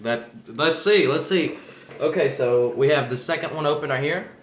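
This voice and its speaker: A man's voice: on the high side, normal speed, reverberant, slight background noise. A man hosting a casual vlog, teasing his friend through a spicy chip challenge and often laughing. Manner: teasing, repeatedly asking how he feels, laughing.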